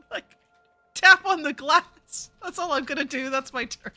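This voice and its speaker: A woman playing a tabletop game, animated, laughing and swearing often. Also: sits high, measured pace, soft background music. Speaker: player.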